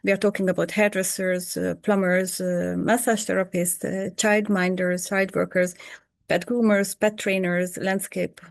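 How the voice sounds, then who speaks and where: A woman, a PhD candidate, giving an academic presentation on a video call, pausing often with ums. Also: mid-range voice, level tone, creaky, dry recording, clean studio sound. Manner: hesitant, many ums.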